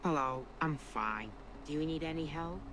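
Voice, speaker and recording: A man voicing flat, polite game guests. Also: on the high side, a little slow. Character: calm hotel guests in a horror game.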